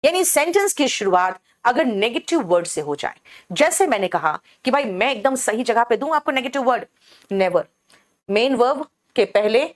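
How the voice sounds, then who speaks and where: A woman's voice: a little high, expressive. Patient woman teaching grammar. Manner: explains patiently, calls students beta, asks check questions; slows right down to spell out English example sentences. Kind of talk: classroom grammar lesson. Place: classroom with air conditioner running.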